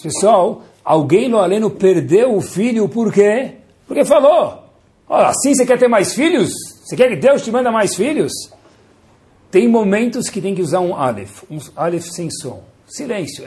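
A man teaches a religious lesson through stories. His voice sits somewhat high for a man, and he jumps between hushed asides and emphatic rhetorical questions. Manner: animated storyteller with rhetorical questions. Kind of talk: Torah lesson storytelling.

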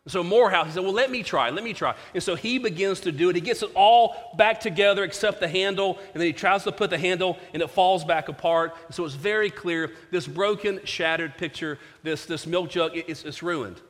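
A man's voice: a little high, fairly bright tone, in a large hall. A man preaching a sermon, telling a story earnestly with frequent restarts and fillers.

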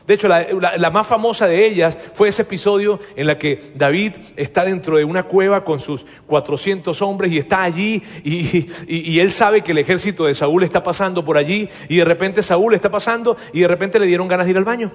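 A man preaching a storytelling sermon, lively and colloquial, with many restarts and asides to the listeners. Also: high-pitched, long reverb tail.

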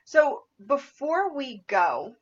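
A woman's voice: sits high, big pitch swings, slow, dull audio, slight background noise. A woman hosting a podcast interview in a conversational, effusive and appreciative way. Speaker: podcast host.

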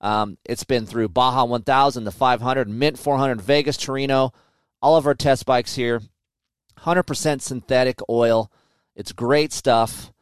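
A man's voice: mid-range voice, steady tone, a little slow, clear, resonant tone, no room sound. A middle-aged man hosting a motocross podcast, talking casually and bluntly about riding, with plenty of swearing. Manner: blunt, profane, conversational. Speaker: podcast host and motocross tester. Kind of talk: casual chat.

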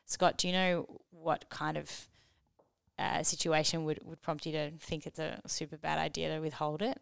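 A woman's voice: low voice, level tone, moderate pace, vocal fry, no echo, studio quality. A woman hosting a casual educational discussion, explaining things in an informal way. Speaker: podcast host and medical teacher.

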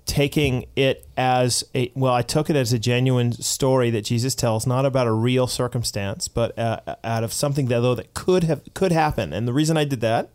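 A man's voice: mid-range voice, moderate pace, few pauses, a little mellow, clean tone. A man who is a pastor, talking casually and with animation, often restarting his sentences. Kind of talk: casual chat.

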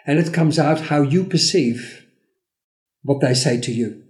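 A man co-hosting a podcast, slowly telling a parable and acting out the characters' lines. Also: a little high, a little mellow, reverberant. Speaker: podcast co-host. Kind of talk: storytelling in a podcast conversation.

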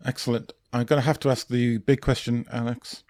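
A man's voice: mid-range voice, level tone, fairly quick, a little mellow, no echo, studio quality. A man hosting a conversational interview podcast, thinking aloud and rephrasing as he goes. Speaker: podcast host.

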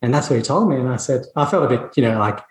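A man's voice: mid-range voice, lively intonation, quick pace. Reflective man in a roomy echo. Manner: earnest, reflective, frequent restarts and laughs. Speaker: dentist, podcast guest. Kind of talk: conversational storytelling.

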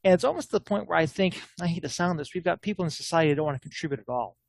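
A man talking bluntly in a casual political chat, quick and opinionated with frequent restarts. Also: a little high, lively intonation, vocal fry, dry recording.

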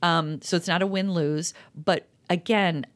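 A woman's voice: lowish voice, fairly even intonation, unhurried. A woman co-hosting a talk show as a therapist, speaking earnestly and reflectively in a casual, chatty way with many fillers. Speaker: podcast co-host and therapist. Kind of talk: casual conversational advice.

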